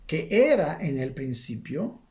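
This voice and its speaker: A man's voice: fairly high pitch, very animated, slow pace, a little mellow. Man preaching a Bible study, conversational. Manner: conversational, asks "¿no?" again and again, many restarts.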